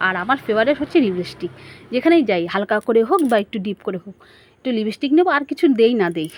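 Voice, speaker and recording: A woman's voice: fairly high pitch, big pitch swings, fast, no echo. A woman narrating a casual family vlog, chatting straight to her viewers and asking them questions. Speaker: family vlogger.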